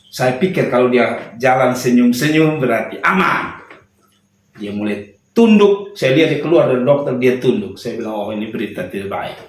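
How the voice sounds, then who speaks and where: A young man, preaching a sermon as a pastor and telling a personal story with humor. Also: medium pitch. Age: young adult. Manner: storytelling with humor, laughing at his own jokes. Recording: echoey hall, voice from far off.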